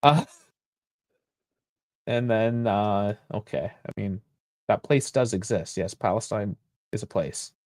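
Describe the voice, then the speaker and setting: A man's voice: fairly low pitch, slow, pauses often, a little mellow, dry recording. A man co-hosting a casual sports podcast, blunt and dismissive, with plenty of profanity. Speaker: podcast co-host.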